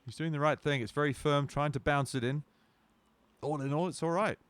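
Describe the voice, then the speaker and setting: A man's voice: a little high, a little fast, a bit bright, clear, resonant tone, no room sound. A man giving wry golf commentary with dry, playful understatement.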